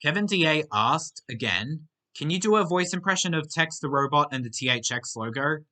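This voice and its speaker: A young man hosts a casual question-and-answer video. His voice is very bright and sharp, and his pitch moves around a lot. He reads each viewer question aloud and answers it briefly and simply. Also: lively intonation, moderate pace. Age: young adult. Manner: reads out questions, then gives short plain answers. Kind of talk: casual Q&A monologue.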